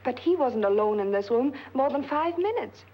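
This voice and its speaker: Fairly high, earnest woman witness, hesitant; muffled old film audio. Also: lively intonation, normal speed, slight background noise. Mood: worried. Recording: dull 1940s film soundtrack.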